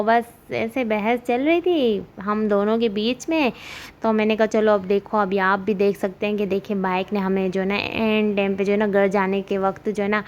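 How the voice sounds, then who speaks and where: A young woman narrating her family vlog in a chatty voice-over, rambling with many fillers and giggling often. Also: medium pitch. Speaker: family vlogger, mother.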